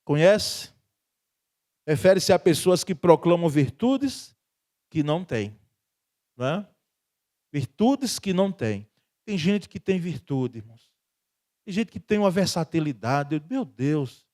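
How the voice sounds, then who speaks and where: A Brazilian pastor preaches a sermon to his church in Brazilian Portuguese, his fairly high voice swinging widely in pitch, a bit slow, slightly mellow, with frequent pauses. He speaks conversationally, chuckling often and ending sentences with questions for the congregation.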